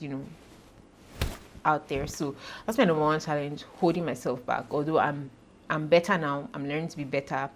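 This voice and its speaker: Young woman, low voice, chatty and self-deprecating to camera, faint noise behind. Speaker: YouTuber. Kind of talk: casual talk to camera.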